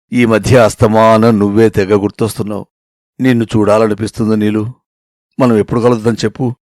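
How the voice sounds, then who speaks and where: A man voicing a young male admirer reading out a doting love letter, soft and lingering. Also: medium pitch, dry recording, studio quality, voice pushed down, close to an everyday voice.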